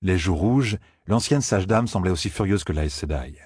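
A man narrating an audiobook in a measured storytelling manner, close to the mic. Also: sits low, expressive, darkish tone, breathy edge, no echo. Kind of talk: scripted narration.

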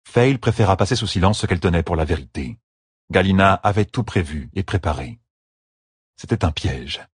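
A man reading an audiobook novel aloud as narrator, in an expressive storytelling manner. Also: sits low, normal speed, breathy edge, dry recording, studio quality. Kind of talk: scripted narration.

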